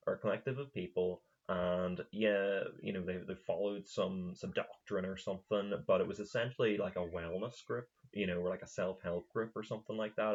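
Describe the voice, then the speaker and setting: A man's voice: deep voice, a little mellow, breathy edge. A male podcast host talking in a casual, rambling monologue, full of fillers and restarts. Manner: laughs at his own retelling. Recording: slightly dull lo-fi recording.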